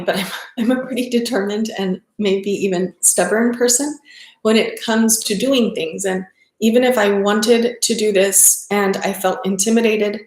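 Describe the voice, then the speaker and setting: A woman's voice: medium pitch, darkish tone. A middle-aged woman from South Texas, a yoga teacher, talking casually on a livestream in a chatty, rambling way with many ums and self-corrections. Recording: echoey room.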